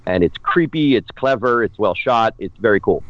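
A man in his forties, a guest film critic chatting on a podcast in an animated, opinionated way. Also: on the low side, moderate pace, no echo, dull audio. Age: 40s. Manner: opinionated, animated, acts out quotes in silly voices. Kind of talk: casual podcast chat.

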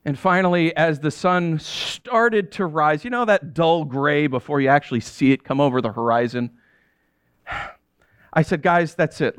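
A male pastor delivering a dramatic first-person sermon, telling the story in character and swinging between hushed and exasperated. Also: a little high, smooth, dry recording, clean studio sound. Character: the apostle Peter telling his own story.

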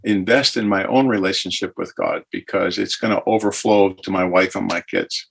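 A man's voice: low-pitched, fairly even intonation, normal speed, vocal fry, breathy edge. An older man speaking as a podcast guest, earnest and heartfelt, talking openly about faith. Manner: earnest, heartfelt, emotionally open. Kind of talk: podcast interview.

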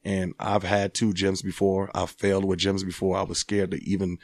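Laughing man from Liberia, low voice. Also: normal speed, no room sound. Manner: laughing, animated storyteller. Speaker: boxing gym owner, guest. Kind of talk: casual interview. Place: gym.

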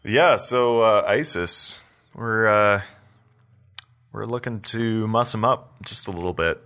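A man co-hosts a casual podcast in a low voice with a sharp, bright edge. He jokes wryly and tosses off quick asides. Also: clean tone. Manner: wry and joking, quick asides. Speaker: podcast co-host.

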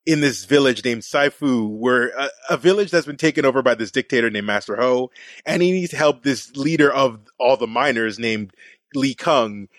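A man's voice: medium pitch, normal speed, fairly bright tone, no echo. A man from Canada co-hosting a podcast, explaining things in an informal, rambling way with colloquial asides. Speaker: podcast co-host. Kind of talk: casual chat.

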